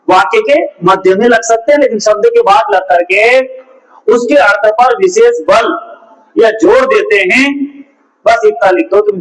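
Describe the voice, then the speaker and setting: Poor audio captures a man whose voice sits high as he teaches Hindi grammar classroom-style. He keeps repeating points and asks his students rhetorical questions.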